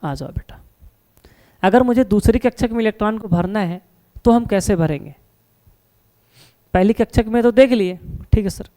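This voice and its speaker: A man's voice: high-pitched, moderate pace, long pauses, dark tone. A man teaching a science lesson at a board, posing questions and answering them himself and reassuring his students as he goes. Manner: asks questions and answers them himself, calls listeners "beta" and "sir"; reassuring, repeats "no problem".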